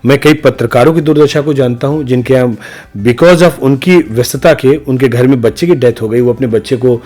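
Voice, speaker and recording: A middle-aged senior news journalist appears as a podcast guest, giving reflective, opinionated answers with emphatic, repeated rhetorical phrases. His voice is medium in pitch and darkish in tone, moving a little fast.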